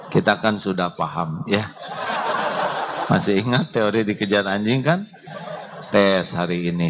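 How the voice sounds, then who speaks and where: A man's voice: lowish voice, fairly bright tone, a little hiss or hum. A man preaching a sermon to a live audience, playfully quizzing them.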